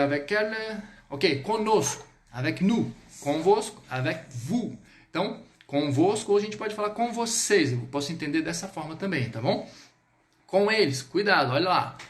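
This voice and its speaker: A man with a Brazilian Portuguese accent teaching a French lesson online, lively and spelling words out slowly. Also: a little high. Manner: lively, drills words slowly, switches between two languages.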